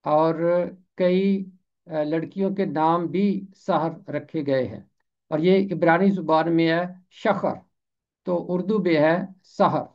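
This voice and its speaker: Slightly high-pitched and fairly even in intonation, a man walks through words one at a time, pronouncing each with care, explaining its meaning, and repeating it slowly. The audio is dull.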